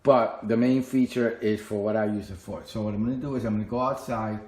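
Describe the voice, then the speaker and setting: A middle-aged man, working as a home tech vlogger, talks fast in a lowish, steady, slightly mellow voice. He gives a casual, plainspoken walkthrough of his home, conversational and repetitive. The room he records in is echoey.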